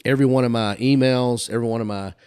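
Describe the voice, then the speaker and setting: An older man's smooth, slightly mellow mid-range voice moves quickly and steadily as he tells career stories on a podcast. He's folksy and casual, often recreating back-and-forth conversations.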